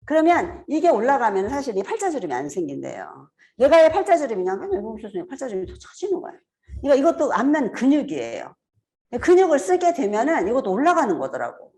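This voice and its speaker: A woman in her fifties speaks to a seminar audience in a casual, chatty way. Her voice sits a little high and swings widely in pitch. She laughs often and acts out little scenes as she talks. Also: big pitch swings, fast talker, dark tone.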